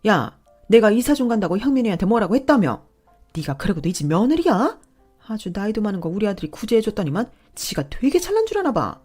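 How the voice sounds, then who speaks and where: Woman doing a booming, scolding mother-in-law. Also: expressive, a little fast, soft background music, lightly acted. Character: domineering loud older mother-in-law.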